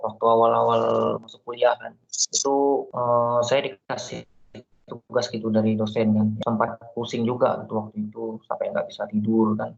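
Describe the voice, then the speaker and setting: A man's voice: medium pitch, level tone, moderate pace, creaky, lightly acted. A man playing an anxious young student seeking help, hesitant and colloquial, in an amateur role-play. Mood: hesitant, recalling. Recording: dull lo-fi sound.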